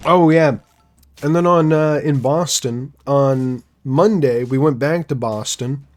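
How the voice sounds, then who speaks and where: A man's voice: medium pitch, slow, slight background noise. A young man chatting casually while streaming a game live, rambling through sarcastic asides.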